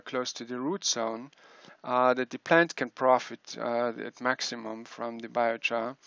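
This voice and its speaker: A middle-aged man giving a conference talk over a video call from a small wood-panelled room, speaking haltingly with many fillers and restarts. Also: mid-range voice, creaky, fairly bright tone, smooth, no echo. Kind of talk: remote slide presentation. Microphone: headset on video call. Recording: muffled video call audio.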